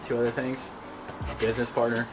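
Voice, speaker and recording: A man's voice: medium pitch, flat delivery, fairly quick, rough recording. Young man freezing in ice-cold water, music behind. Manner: bro slang, joking. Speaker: agency owner being interviewed. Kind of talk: casual, profane challenge-video chat. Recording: background music.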